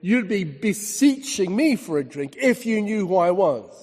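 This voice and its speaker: Calm wise male teacher voiced by a preacher, measured repeated phrasing, high voice, hall echo. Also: slightly rough, heavily acted. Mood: earnest.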